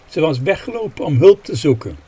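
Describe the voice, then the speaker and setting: A man's voice: a little high, sing-song, a little fast, mellow, breathy edge. A man voicing a kind, determined old village woman who speaks firmly and pleadingly in a spoken storybook. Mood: urgent. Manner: firm and pleading.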